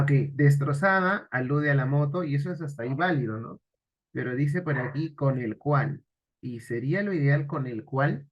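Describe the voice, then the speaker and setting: Man, grammar teacher, exam-prep lesson, asks and answers questions, muffled lo-fi sound. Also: mid-range voice. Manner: asks the viewer questions, then answers them.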